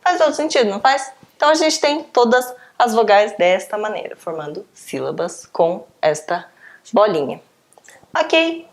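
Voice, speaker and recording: A woman's voice: mid-range voice, very animated, moderate pace. A woman teaching a beginners' language lesson, explaining step by step and often checking in with her students. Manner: patient, explaining step by step with frequent check-ins. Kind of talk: online lesson.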